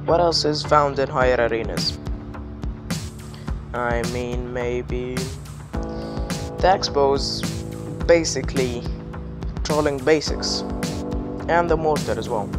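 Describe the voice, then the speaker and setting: A man's voice: medium pitch, slow pace, long pauses, loud music behind the voice. A man hosting a gaming video with casual gameplay commentary, his voice slightly affected by illness. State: slightly ill voice.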